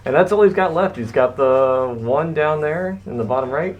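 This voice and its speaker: A man's voice: on the high side, animated, normal speed. A man doing casual live tabletop game commentary, his voice muffled by a face mask. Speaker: match commentator.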